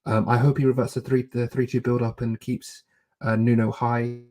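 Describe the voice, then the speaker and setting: Man, football podcast co-host, flat monotone delivery, muses through tactical questions. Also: mid-range voice, normal speed. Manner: musing, lists tactical options in questions. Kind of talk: casual football chat.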